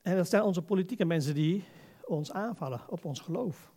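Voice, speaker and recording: A man's voice: sits high, animated, moderate pace, warm tone. A man preaching an informal, conversational sermon as a pastor, exhorting his listeners and putting rhetorical questions to them.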